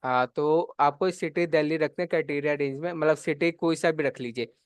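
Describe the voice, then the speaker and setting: Teaching a live spreadsheet lesson online, a computer instructor explains steps with patience and checks in regularly. He talks fairly quickly in a smooth, slightly high voice, with no room sound.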